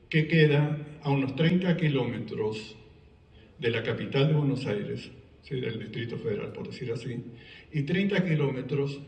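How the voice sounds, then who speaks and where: A man from Argentina with an Argentine Spanish accent and a medium-pitched, darkish voice gives a talk in an event hall, telling personal stories conversationally and joking with the live audience. The hall is echoey and he's recorded from a distance.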